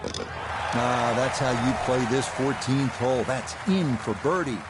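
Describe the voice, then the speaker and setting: A man's voice: mid-range voice, slow. A man anchoring live golf commentary as the play-by-play commentator. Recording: crowd and outdoor noise behind. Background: golf crowd and outdoor ambience.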